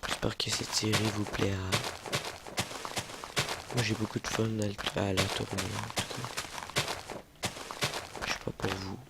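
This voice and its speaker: A young man commenting on his video game softly and slowly, keeping his voice down at night so he won't wake his parents. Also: fairly low pitch, flat delivery, vocal fry, very noisy. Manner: talks softly, half-whispering so as not to wake his parents. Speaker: gaming youtuber. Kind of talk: let's play commentary.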